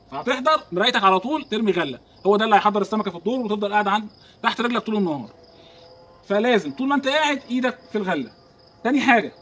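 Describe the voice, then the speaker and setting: Fast-talking Egyptian man teaching fishing. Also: high voice, slight background noise. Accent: Egyptian Arabic. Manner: animated, instructive, talks to the viewer. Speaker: fishing vlogger. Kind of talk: outdoor fishing tutorial. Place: outdoors by the water.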